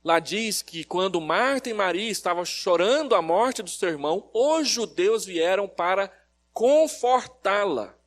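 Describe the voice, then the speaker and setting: A man with a Brazilian Portuguese accent, a pastor giving an expository sermon at a church service, telling stories and questioning the congregation, moving between loud emphasis and soft phrases. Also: sits high, animated, a little slow. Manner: storytelling preacher who quizzes the congregation.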